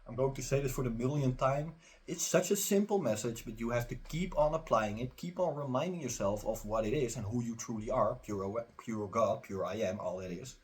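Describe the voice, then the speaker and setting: Husky man giving an urgent spiritual pep talk. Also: mid-range voice, brisk. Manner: emphatic, repetitive, urging the listener. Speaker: spiritual teaching channel host.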